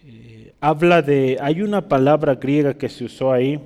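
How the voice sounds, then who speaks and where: A man preaching a teaching sermon, often asking the congregation for agreement and pausing to write on a board. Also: on the high side, a little mellow, big-room sound. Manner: teaching, rhetorical questions, asks listeners for agreement; writes on a board while speaking.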